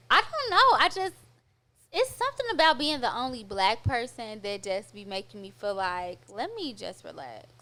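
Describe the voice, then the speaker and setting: A woman's voice: a little high, pushed and bright. Laid-back slangy young woman co-host. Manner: laid-back, slangy, laughs often, acts out quotes. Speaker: podcast co-host. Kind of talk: casual chat.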